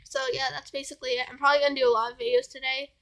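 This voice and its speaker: A woman's voice: high voice, very animated, very fast, creaky, a bit bright. A young woman vlogging while sick, telling a story in casual chat and rambling with constant fillers.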